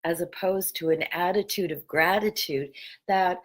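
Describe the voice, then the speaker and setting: A middle-aged woman spiritual coach with a Pacific Northwest American accent, talking in a gentle, chatty vlog style with guided breathing. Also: on the low side, moderate pace. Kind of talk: casual spiritual vlog talk.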